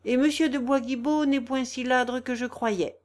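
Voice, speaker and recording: A woman voicing a scolding, sharp-tongued older housekeeper who chides loudly in a storybook reading. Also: sits high, steady tone, moderate pace, voice pushed up, natural voice. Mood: chiding. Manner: loud, chiding, exasperated.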